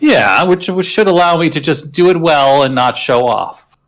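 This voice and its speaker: A man's voice: on the high side, lively intonation, normal speed. A man playing a tabletop game, talking in an emphatic, insistent way. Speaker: player. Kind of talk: casual tabletop play.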